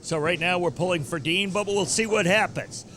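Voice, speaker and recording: A man's voice: high-pitched, moderate pace, bright, forceful tone. A man hosting a local sports show with casual, teasing interviews and jokey commentary. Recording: faint background noise.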